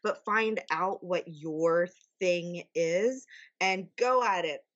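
Chatty, laughing woman guest, lower voice. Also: slow pace, highs cut off. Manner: chatty, laughs often, many fillers and restarts. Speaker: podcast guest. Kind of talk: casual interview chat.

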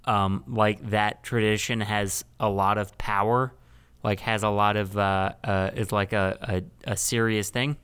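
A tired man hosting a podcast, retelling a film in halting casual chat full of fillers. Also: fairly low pitch, steady tone, fairly bright tone, clear, resonant tone. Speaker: podcast host recapping a film.

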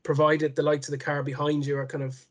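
A man with a west of Ireland accent, chatting casually as an interview guest in a halting way, often repeating words. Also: on the high side, little pitch movement. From Connemara, west of Ireland. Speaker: interview guest, ultra cyclist.

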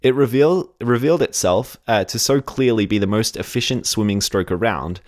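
A man's voice: on the low side, moderate pace. An Australian man hosting a podcast, telling a history story in casual chat, laughing often and correcting himself as he goes.

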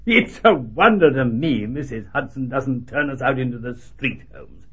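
Husky, fussy English doctor. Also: male voice, medium pitch, expressive, normal speed, fairly bright tone. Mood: exasperated. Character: fussy, exasperated English army doctor narrating memoirs. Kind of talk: radio drama narration.

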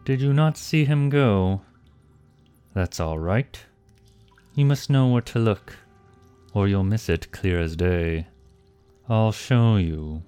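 A man voicing a great, sly tomcat in an audiobook, speaking slowly and smoothly with a deep voice. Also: mellow. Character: sly scheming talking tomcat, male, great size. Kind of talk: storybook character voice. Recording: faint music behind the voice.

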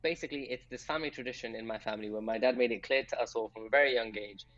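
A man's voice: medium pitch, very fast, a bit bright, lo-fi sound. A man in his twenties, a doctor raised in England, chatting casually as a podcast guest and laughing often. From Pakistan, raised in England.

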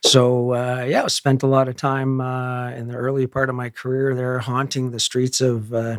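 A man in his fifties with a gravelly, creaky edge to his mid-pitched voice. He is a retired police inspector chatting easily and wryly about his life, and the close mic keeps the sound dry and free of room echo. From Edmonton, Canada. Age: 50s. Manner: relaxed storyteller, wry and self-deprecating. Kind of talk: casual interview conversation.

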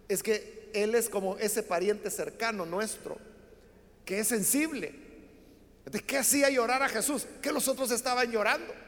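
A man delivers a sermon in a very high, bright voice. He tells the stories with drama and acts out the voices of the people in them. The sound carries a long reverb, as in a large hall. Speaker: preacher.

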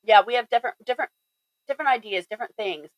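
A woman's voice: a little high, very fast, dry recording, rough recording. A woman in her fifties from Colorado co-hosting a casual podcast chat, talking freely and often restarting her words. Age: 50s. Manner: chatty, restarts and repeats words, laughs easily. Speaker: podcast co-host.

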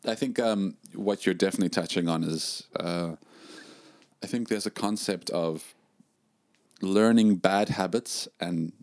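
A man's voice: low-pitched, a little slow, darkish tone, no echo, studio quality. A young man, a drum teacher, talking casually in a chat, with many fillers and restarts. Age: young adult.

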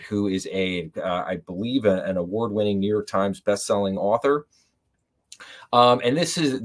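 A man hosting a podcast from a home library, reviewing a book in a casual, rambling way with frequent fillers and restarts. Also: fairly low pitch. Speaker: podcast host.

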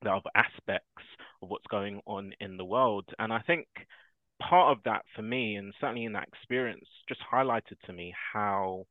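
Low-voiced man over a tinny line. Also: moderate pace, no echo. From South London. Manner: earnest, thoughtful, laughs while telling stories. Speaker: podcast guest. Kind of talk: reflective conversational storytelling. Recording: dry, tinny phone-like line.

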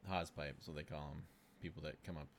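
Very deep-voiced young man from Maine. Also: fairly even intonation, slight background noise. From Maine, USA. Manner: halting, laid-back, explains plainly. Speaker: podcast guest. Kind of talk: casual interview chat.

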